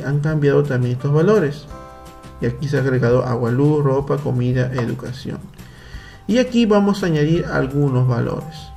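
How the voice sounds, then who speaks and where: A man's voice: fairly high pitch, vocal fry, mellow. A man with a Peruvian Spanish accent, teaching a computer lesson to children over a screen recording and patiently explaining each step. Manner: patient, explains step by step with frequent tag questions.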